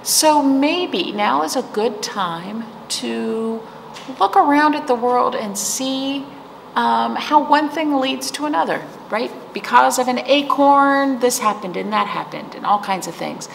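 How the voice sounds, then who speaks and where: This storytime host is a middle-aged librarian speaking to young children online, with rhymes, read-alouds, simple explanations, and check-in questions. Her fairly high, creaky voice is expressive and unhurried. She sits in a small indoor library room where the recording picks up echo and background noise.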